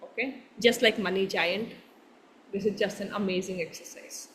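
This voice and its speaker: A woman's voice: medium pitch, steady tone, normal speed, a bit bright, slight background noise. A woman with an Indian English accent guiding a live workshop exercise. She encourages the group, laughs often, keeps checking that they follow along, and mixes Hindi phrases into her English. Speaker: workshop coach.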